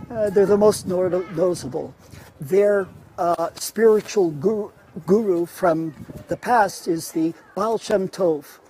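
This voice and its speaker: A man's voice: sits high, dark tone, slight background noise, rough recording. A man leading a live online walking tour, lecturing with frequent fillers and restarts, recorded outdoors in a city neighborhood. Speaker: tour guide.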